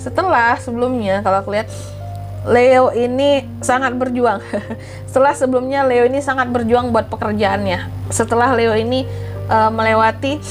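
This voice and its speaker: Stuffy-nosed Indonesian woman reading tarot. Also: on the high side. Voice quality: congested, stuffy-nosed voice from a cold. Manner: chatty, often ending phrases with questioning tags. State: has flu with blocked nose and sore throat, clearing throat. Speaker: tarot reader and host. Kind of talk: casual tarot reading narration.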